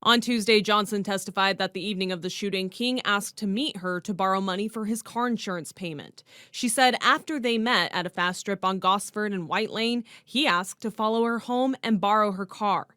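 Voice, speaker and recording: A woman's voice: medium pitch, normal speed, hardly any pauses, sharp tone, smooth, no room sound. An American woman reading scripted broadcast news narration as a reporter.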